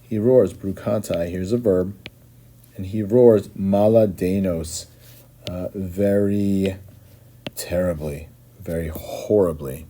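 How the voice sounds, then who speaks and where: A man's voice: low-pitched, fairly even intonation, takes it slowly, warm tone. A man teaching and patiently explaining as he translates line by line, often checking in with "right?".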